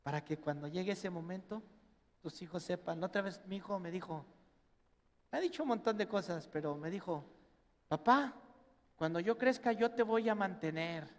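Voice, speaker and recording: A middle-aged man with a Mexican accent preaching a sermon as pastor, animated and acting out family members in quoted voices. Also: high-pitched, normal speed. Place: church hall. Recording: long reverb in a church hall.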